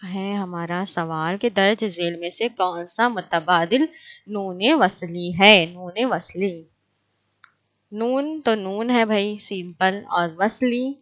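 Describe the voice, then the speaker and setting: A woman teaching an exam-prep grammar lecture, explaining step by step, asking and answering her own questions and slowly repeating example words. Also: medium pitch.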